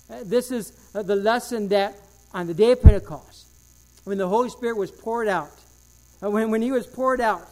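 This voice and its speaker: The man's sermon is fervent and emphatic, built on repeated key phrases and shifts from loud pronouncements to hushed asides. He speaks in a high-pitched voice.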